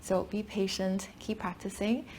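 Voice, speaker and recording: A woman teaching tai chi step by step with calm, gentle, unhurried cues. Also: mid-range voice, a little hiss or hum. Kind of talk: step-by-step movement instruction.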